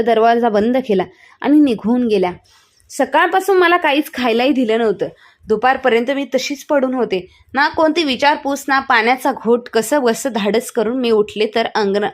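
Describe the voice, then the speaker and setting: Woman telling a sad family story, emotional, fairly high voice. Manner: emotional, sorrowful. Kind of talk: first-person story narration.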